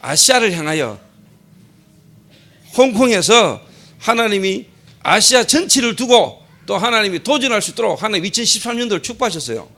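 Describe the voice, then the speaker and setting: A man's voice: high-pitched, big pitch swings, moderate pace, pushed and bright. A middle-aged male pastor preaching a sermon at a church service. He keeps posing rhetorical questions, answers them himself, and repeats key phrases for emphasis.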